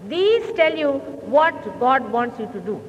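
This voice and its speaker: Slow, high-voiced woman on an old hall recording. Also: sing-song. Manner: slow, deliberate, clears throat often. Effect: old 1970s hall recording. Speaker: spiritual teacher. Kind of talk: sermon. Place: large hall. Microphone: speaking into a hall microphone. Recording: old muffled hall recording with faint hiss.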